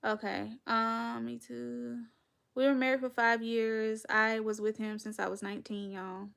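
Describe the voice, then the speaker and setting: A woman in her thirties with a Southern North Carolina accent chats on a livestream podcast. Her voice has a gravelly edge, and she talks straight to her viewers as y'all. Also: fairly high pitch, level tone, measured pace, fairly bright tone. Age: 30s. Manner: chatty, addresses viewers as y'all, laughs often. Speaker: podcast host. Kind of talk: casual livestream chat.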